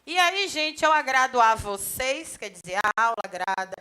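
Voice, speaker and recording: A grammar teacher, giving a lively classroom lecture. She chats with students and acts out little dialogues. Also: high-pitched, moderate pace, clear, resonant tone, soft background music. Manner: lively, chatty, acts out little dialogues, often points things out with "ó". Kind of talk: live classroom lecture for a civil service exam course.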